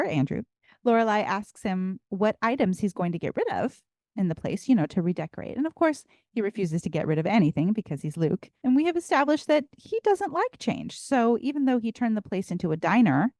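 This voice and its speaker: A woman co-hosting a podcast, recapping an episode in a chatty, animated way and laughing often. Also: medium pitch, no room sound, clean studio sound. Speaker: podcast co-host. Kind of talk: casual recap chat.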